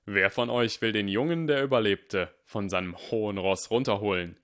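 A man's voice: fairly low pitch, natural voice. A man doing a stern, dry male teacher. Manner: calm, deliberate and firm.

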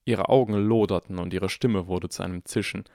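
A man with a lowish voice reads an audiobook in a measured, even narrating manner. The recording is dry and close, with no room sound. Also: gravelly, no room sound. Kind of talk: scripted narration.

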